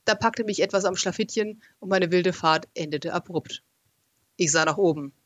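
A man reading a first-person adventure story aloud as an audiobook, in a lively, expressive storytelling manner. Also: high-pitched, normal speed, dry recording. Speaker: narrator.

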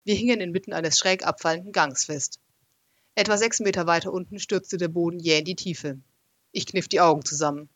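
A man reading a first-person adventure story aloud as an audiobook, in a lively, expressive storytelling manner. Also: sits high, fairly quick, no room sound. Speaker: narrator.

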